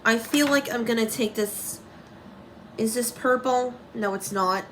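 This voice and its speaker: A woman's voice: fairly high pitch, unhurried, a bit bright, slight background noise, low-quality recording. A young woman talking through a casual makeup tutorial, rambling and commenting on herself, with dry sarcastic asides.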